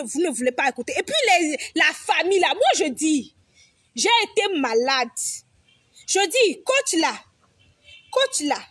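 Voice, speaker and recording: Young woman vlogger, high-pitched, preachy and foul-mouthed, lecturing her audience. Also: a bit bright, no room sound, clean studio sound. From Togo. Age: young adult. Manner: emphatic, repetitive, preachy; blunt, swears freely. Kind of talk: direct-to-camera advice monologue.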